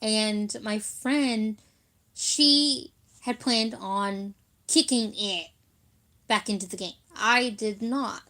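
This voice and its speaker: A young woman vlogger casually chats with her viewers, sharing childhood stories full of giggles and filler words. Her voice sits in the mid range, slow and sharp in tone, and she laughs often as the stories unfold.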